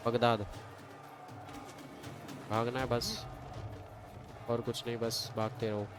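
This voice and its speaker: Excited Hindi-speaking gamer man. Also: mid-range voice, slow pace. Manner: excitable, chatty. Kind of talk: casual let's-play commentary. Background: faint game music.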